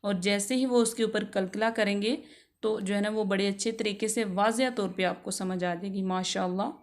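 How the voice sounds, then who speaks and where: A woman teaching a spoken recitation lesson, drawing out each example word slowly and having listeners repeat after her. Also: mid-range voice, steady tone. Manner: drawn-out elongated recitation of example words. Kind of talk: slow spoken tajweed lesson.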